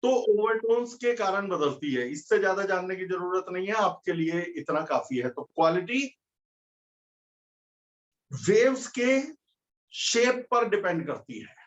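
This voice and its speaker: A man's voice: sits high, animated, measured pace. A man teaching a physics class, explaining step by step and asking his students questions. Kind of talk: classroom lecture. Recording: dull lo-fi recording.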